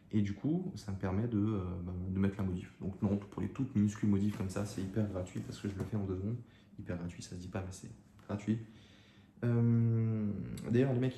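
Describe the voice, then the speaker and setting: A man's voice: low voice, creaky, warm tone. A young man answering viewer questions in a casual, slangy way, with many fillers and restarts. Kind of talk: casual Q&A chat to camera. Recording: echoey room with faint ambient noise.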